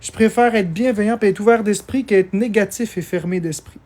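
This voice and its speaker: A man's voice: high voice, a little fast, a little mellow. A man, tired, chatting casually on a live stream as he answers viewer comments and thanks people for gifts.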